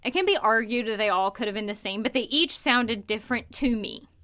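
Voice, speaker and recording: A young woman co-hosting a podcast, excitedly retelling a ghost investigation in casual chat with lots of fillers. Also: fairly high pitch, a little fast. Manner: animated, filler-heavy retelling of a ghost hunt. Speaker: podcast co-host.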